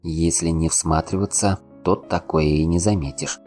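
A man voicing a weary young soldier who speaks quietly and thoughtfully. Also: low-pitched, a little fast, soft background music, natural voice.

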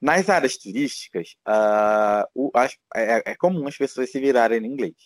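A man's voice: medium pitch, animated, moderate pace, no echo. A Brazilian man, a guest in a casual interview, talking in a rambling way with many fillers and restarts. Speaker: guest, teacher living abroad.

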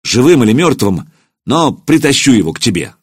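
A man's voice: medium pitch, very animated, normal speed, husky, no echo, clean studio sound, pitched above the performer's own voice. A man voicing a hot-headed, proud young warrior who speaks fiercely and makes bold vows. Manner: fiery, vowing loudly.

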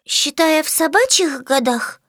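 A woman's voice: high-pitched, sing-song, a little slow, a bit bright, dry recording, studio quality, pitched above the performer's own voice, exaggerated voice. A woman voicing a small, timid female pug puppy in a storybook, pleading and whimpering. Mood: eager. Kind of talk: storybook reading.

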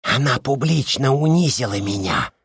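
A man voicing a scornful, defensive male vampire with a hoarse voice in an audiobook. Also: mid-range voice, expressive, no room sound, clean studio sound, pitched above the performer's own voice. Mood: sullen. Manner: defensive, sneering, drawn-out delivery.

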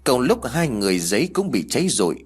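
A man narrating a scripted horror story in a dramatic, expressive way. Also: medium pitch, fast talker, husky, faint music behind.

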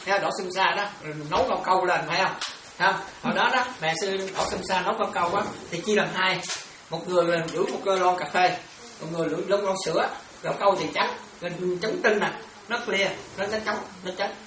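A woman's voice: fairly low pitch, fast, a bit bright. A woman, a Buddhist monastic teacher leading a dharma class on Pali terms, who repeats herself and keeps asking if her students follow. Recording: echoey room from far off, ambient noise.

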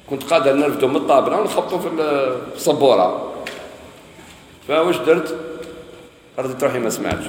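Algerian sheikh teaching in an echoey hall. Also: male voice, medium pitch, slight background noise. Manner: lively teaching, asks students questions, tells stories. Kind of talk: sermon. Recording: echoey hall, faint ambience.

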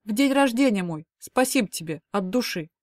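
A woman's voice: mid-range voice, animated, moderate pace, no room sound, studio quality, natural voice. A woman reading the part of a dreamy, sentimental middle-aged mother who is easily charmed. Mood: sharp. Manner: gushing, dreamy.

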